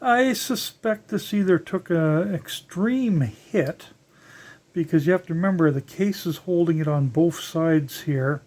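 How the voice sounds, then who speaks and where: An older hobbyist works through an electronics teardown at a workbench indoors, narrating casually without a script, pausing and musing aloud as their hands stay busy. Their voice is medium in pitch and a little mellow.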